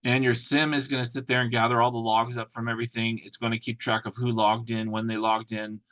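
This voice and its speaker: A man's voice: mid-range voice, flat delivery, fairly quick, a bit bright, dry recording. A man explaining things informally as a trainer in a corporate training video, instructing the listener directly with practical examples. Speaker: cybersecurity compliance trainer.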